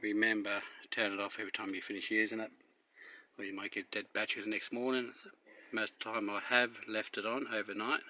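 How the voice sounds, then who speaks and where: Speaking a little fast with a sharp, flat, lowish voice, an Australian vlogger gives a loose, plain-spoken rundown of installing a car radio himself. He's working around a car under a carport, and the on-location handheld audio is noisy.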